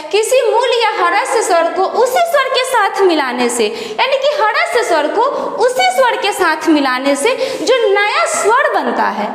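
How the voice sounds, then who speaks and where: A woman teaching a Hindi grammar lesson, explaining slowly and repeating definitions to her students. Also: extremely high pitch, a bit bright. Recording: echoey room with long reverb.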